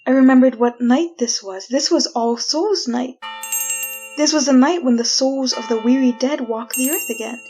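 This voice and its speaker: An actress tells the tale of an innocent woman prisoner, desperate and haunted, sentenced to die, using a theatrical, deliberate old-time radio drama delivery. Her voice is high-pitched and warm, close to how she'd normally speak, with soft music in the background.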